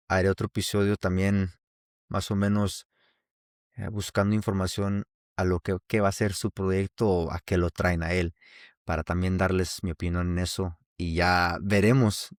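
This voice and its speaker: Resonant, clear, and deep, this man's voice carries a Mexican Spanish accent; he's from Mexico and hosts a casual solo podcast. He rambles, restarting many times, in a dry recording with clean studio sound.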